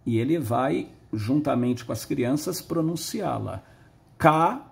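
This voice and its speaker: Slow, gravelly teacher man. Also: mid-range voice, lively intonation, darkish tone. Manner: patient, explanatory, drawn-out words when modeling. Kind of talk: recorded lesson on early literacy.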